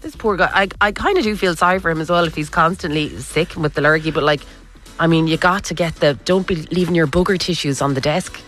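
A woman's voice: low-pitched, quick pace, a bit bright. A woman with a west of Ireland accent from Kerry, chatting casually as a radio co-host. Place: radio studio. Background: music.

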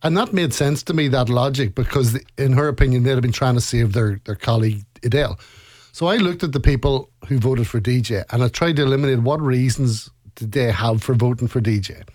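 A Northern Irish man speaks as an interview guest in a mid-pitched voice. He tells his story conversationally and leans on repeated phrases for emphasis. The recording is dry and free of room sound. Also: a little fast, darkish tone, dry recording. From Northern Ireland, County Antrim. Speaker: interview guest, reality show contestant.

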